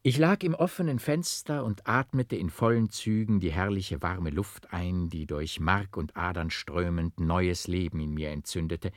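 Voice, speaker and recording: A man reading a classic novel aloud, in measured, rhythmic, carefully stressed scripted narration. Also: low voice, dry recording, clean studio sound. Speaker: audiobook reader.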